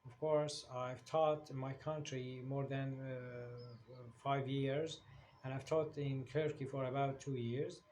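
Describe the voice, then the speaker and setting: A man's voice: medium pitch, fairly even intonation, slow, darkish tone. A man from Syria, an English teacher, introducing his new channel in English as a second language, with frequent fillers and restarts. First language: Arabic. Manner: hesitant, many fillers and restarts. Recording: faint background noise.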